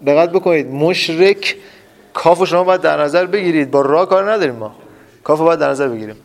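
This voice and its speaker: A male teacher with a slightly raised pitch runs a classroom lesson. He quizzes the room over and over, repeating key terms with emphasis. Students are present, and he often answers his own questions. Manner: emphatic, drills terms aloud.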